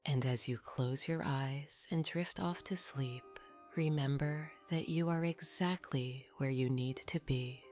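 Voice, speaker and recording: Slow, low-voiced woman narrating sleep stories. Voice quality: soft, breathy, half-whispered. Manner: soothing, unhurried, gently guiding listeners to rest. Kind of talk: scripted bedtime sleep story narration. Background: background music.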